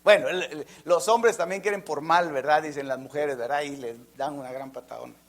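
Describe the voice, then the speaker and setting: A man preaching a fervent sermon, jumping from loud emphatic lines to near-whispers and often addressing listeners as brother. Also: on the high side, fairly quick. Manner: keeps calling listeners "hermano".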